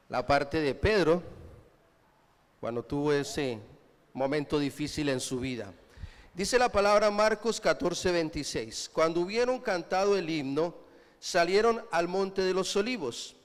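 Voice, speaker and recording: A man's voice: on the high side, a little slow. A man preaching a sermon, often prompting the congregation with questions for them to finish. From Colombia. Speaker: pastor. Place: church. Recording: reverberant church hall.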